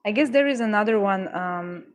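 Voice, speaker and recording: Young woman streamer, excitable and effusive, mid-pitched voice, trips over her words while reading chat. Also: moderate pace. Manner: gushing, exclamatory, with frequent stumbles and restarts. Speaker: livestreamer. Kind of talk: casual chat with live viewers.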